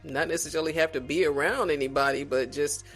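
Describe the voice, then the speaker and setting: A man from South Carolina, a podcast guest in casual conversation, talking in a reflective, unhurried way with many restarts. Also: on the high side, fairly even intonation, fairly bright tone, soft background music.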